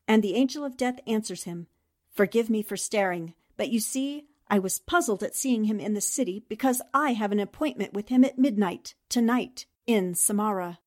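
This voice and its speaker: A woman with a medium-pitched voice gives a lightly acted performance as a canny, poised columnist and amateur investigator in a radio mystery drama. Her pacing is deliberate, as if recounting a tale.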